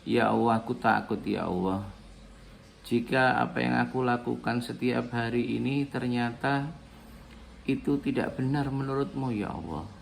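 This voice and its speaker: A middle-aged man giving a religious talk, praying aloud in an earnest, pleading way and letting each phrase drop softly at the end. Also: moderate pace, gravelly, a little hiss or hum. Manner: earnest, pleading, ends phrases with soft low "ya Allah". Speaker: Islamic speaker. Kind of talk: religious talk with spoken prayer.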